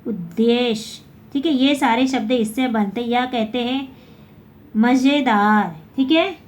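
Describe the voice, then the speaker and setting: A woman's voice: a little high, unhurried. A woman teaching a basic Hindi lesson, explaining step by step and often correcting herself.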